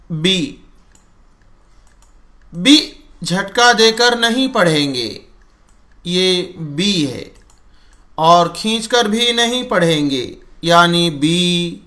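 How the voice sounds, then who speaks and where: Male Quran reading teacher, high voice, patient and very slow. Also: sharp tone. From India. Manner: patient, repeats each letter sound slowly. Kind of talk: slow Quran reading lesson with letter sounds.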